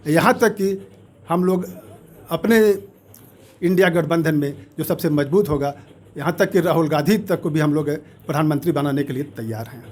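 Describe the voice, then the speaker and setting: A party representative man, listing points in a street interview with halting restarts. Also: a little high.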